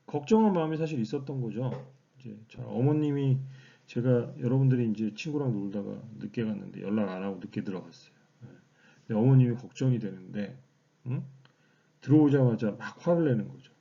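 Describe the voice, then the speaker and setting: A man's voice: mid-range voice, creaky, dark tone, dull audio. A man teaching a recorded online class, explaining step by step with frequent fillers and rhetorical questions. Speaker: lecturer.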